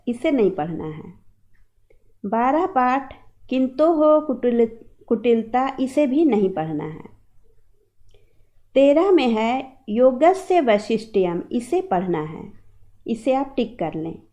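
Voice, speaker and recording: A woman teacher, going through the syllabus for students in an online lesson and giving slow, clear instructions. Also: a little high, dark tone.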